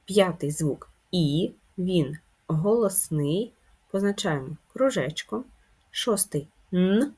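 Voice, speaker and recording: Woman teacher, very husky, lively voice. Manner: slow, deliberate dictation with sudden high rises on key words. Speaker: primary school teacher. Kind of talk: video lesson for young children.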